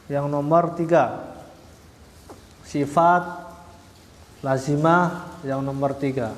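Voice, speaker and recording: A man teaching Arabic letter pronunciation, slowly and patiently, repeating each point and sounding out the letters syllable by syllable. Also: a little high. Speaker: Quran recitation teacher. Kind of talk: religious lesson. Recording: echoey hall, roomy reverb.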